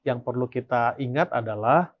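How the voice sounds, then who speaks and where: At a normal speed and in a mid-range voice, an Indonesian man teaches a Sabbath school Bible study, reading passages aloud before explaining them. He often asks a question and then supplies the answer. The sound quality is lo-fi.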